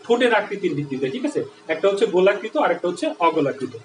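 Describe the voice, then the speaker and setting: A man's voice: sits high, expressive, rapid-fire, reverberant, recorded from a distance, slight background noise, poor audio. A man teaching an online grammar lesson, explaining step by step and often checking with his students. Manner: explanatory, with frequent checks like "right?".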